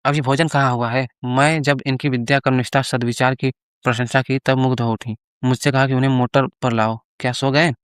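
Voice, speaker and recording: Man doing greedy bragging priest, coaxing tone, clear resonant voice. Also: mid-range voice, flat delivery, brisk, fairly bright tone, dry recording, studio quality, close to an everyday voice. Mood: boastful. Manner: boastful, coaxing.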